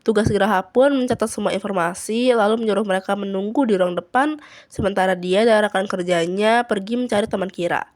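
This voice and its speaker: A teenage girl, a student, narrating a short story in a steady, plain reading voice. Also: mid-range voice, fairly quick. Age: teens. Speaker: student reader.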